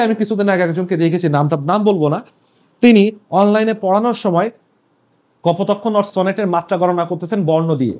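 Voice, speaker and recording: A man's voice: high-pitched, darkish tone. A young man teaches a class on poetic meter. He breaks each idea into small steps and repeats key points for his students. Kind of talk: classroom lecture on poetry meter.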